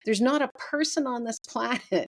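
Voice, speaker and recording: A woman's voice: fairly high pitch, normal speed. A woman from Canada, a guest photographer, telling stories in casual chat and acting out her own quotes. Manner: animated storyteller, acts out her own quotes.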